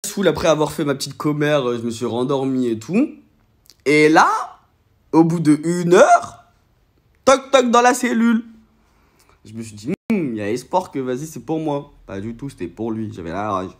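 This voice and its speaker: A young man, an influencer, telling a personal story to his followers in a casual, slangy way, swinging between loud outbursts and low mutters. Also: very animated, moderate pace.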